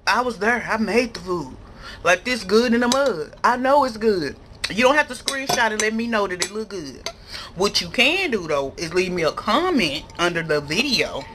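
An American mukbang vlogger chats casually and emphatically to her viewers in slangy phrasing, talking between mouthfuls as she eats at a table indoors. Her mid-range voice has lively intonation at normal speed. Cutlery and dishes clatter clearly in the background.

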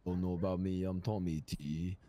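A man's voice: low voice, steady tone, normal speed, dark tone, slight background noise, lightly acted. A man playing a swaggering roadman with a laid-back manner, ending nearly every phrase with "fam". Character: swaggering London roadman man claiming to be Tommy T.

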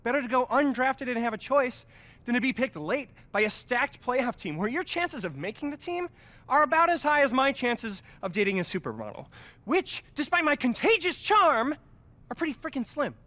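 An actor playing a slick, persuasive young sports agent in a video game cutscene. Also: male voice, extremely high pitch, big pitch swings, pushed and bright, exaggerated voice. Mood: urgent, reassuring. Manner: fast-talking, pep-talk persuasion.

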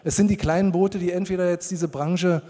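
A man's voice: high voice, fairly even intonation, a little fast, mellow. A man in his forties, a producer on a panel, talking bluntly and rambling with many restarts into a handheld mic on a convention stage. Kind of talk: panel discussion. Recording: long hall reverb.

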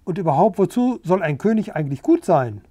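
Grumpy stubborn pigs, older guy reading, gruff, mellow tone. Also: high voice, big pitch swings, a little fast, no room sound, studio quality, exaggerated voice.

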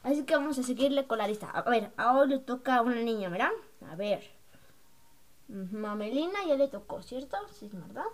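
A woman's voice: on the high side, expressive, brisk. A young girl vlogging casually to camera, chatty and mocking as she acts out what her classmates say. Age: young, school-age.

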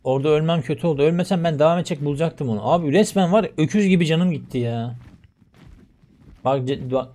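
A young man commentating his own gameplay, shouting in exasperation at losses and muttering to himself in quieter stretches. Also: on the high side, fast talker. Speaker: gaming YouTuber.

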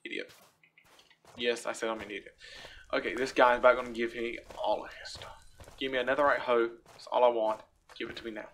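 A young man with a drawl talks through his game in a bright, forward voice. He rambles casually, dropping to mutters and then jumping up to excited shouts. A faint hiss and clicking sit under the home recording. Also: medium pitch, brisk, pauses often. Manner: excitable, swings from mutters to loud outbursts. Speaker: gaming YouTuber. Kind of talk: casual let's-play commentary. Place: home room. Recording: faint background noise and clicks.

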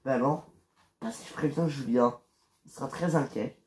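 A man's voice: mid-range voice, moderate pace, a little mellow, reverberant, close to an everyday voice. A man voicing a worried young man in a homemade toy-figure drama, speaking hesitantly and stumbling over his words. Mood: earnest.

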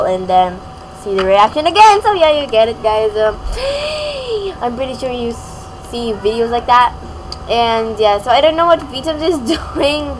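A woman's voice: fairly high pitch, slight background noise, poor audio. A young woman hosting a gaming channel, giving casual, playful gameplay commentary and laughing often.

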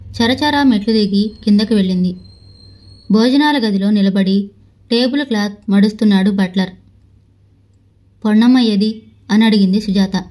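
A woman reading a novel aloud as an audiobook narrator, with steady storytelling that carries the dialogue in her own voice. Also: medium pitch, low-quality recording.

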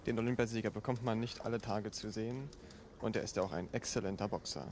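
A man giving live boxing commentary in a measured, explanatory way from inside a sports hall. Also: lowish voice. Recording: loud arena noise behind the commentary.

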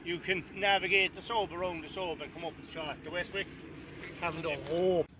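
A man's voice: sits high, steady tone, brisk. A man on a small boat at sea, a diver talking in a plain, matter-of-fact casual way. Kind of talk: casual chat. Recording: engine and wind noise outdoors. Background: boat engine and water.

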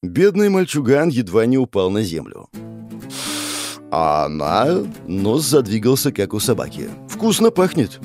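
A man narrating a first-person fantasy audiobook in an expressive, vivid way. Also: fairly low pitch, measured pace, soft background music.

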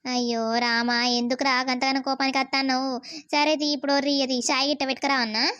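A woman voice-acts a worried, nagging but caring middle-aged mother-in-law in an animated cartoon, questioning and scolding her son in a Telangana Telugu accent. Her voice sits high with a level tone and is fairly quick and fairly bright. The sound is clean with no room sound, though the highs are cut off.

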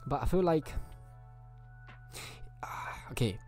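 A man's voice: on the high side, expressive, slow, a little mellow, whispered, faint music behind. Chatty male game streamer. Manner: chatty, greets viewers by name. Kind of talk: casual live-stream commentary.

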